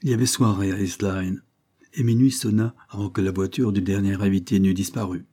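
A deep-voiced man narrates a novel as an audiobook, reading the scripted text in a measured, even manner.

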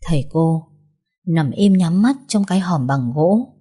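Lady reading a story, lowish warm voice, steady pace. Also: measured pace, breathy edge. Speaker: narrator. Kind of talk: storytelling narration.

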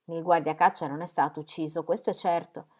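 A woman voicing a sharp gossipy lady. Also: deep voice, brisk, slightly rough. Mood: exclamatory. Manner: excited, sharp, exclamatory. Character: sharp-tongued gossipy rector's wife. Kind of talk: audiobook character reading.

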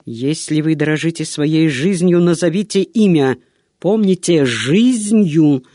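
A gothic storybook monk, impatient and threatening, barks short demands, as a male narrator voices him. The voice sits fairly high for a man and is recorded dry and close. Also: lively intonation, measured pace, dry recording. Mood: menacing impatient. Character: impatient menacing middle-aged monk.

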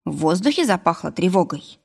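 Low-voiced woman narrating an audiobook. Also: sing-song, a little fast, vocal fry, darkish tone, slightly rough. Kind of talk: scripted narration.

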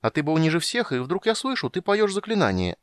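A man voicing a small, curious, excitable kender who tells stories eagerly and breathlessly. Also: a little high, fairly quick, dry recording, voice pushed up. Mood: excited.

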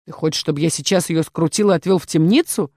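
Woman voicing guard captain, quiet, confident, menacing, dry close read. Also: deep voice, quick pace, no echo. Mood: concerned. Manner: quiet, confident, turns cold. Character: male castle guard chief, calm, quietly menacing. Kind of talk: audiobook character voice.

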